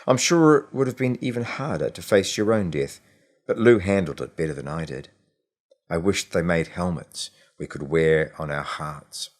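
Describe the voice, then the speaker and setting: Deliberate pauses punctuate this man's measured, expressive audiobook reading of a short story. He speaks in a low voice from a script.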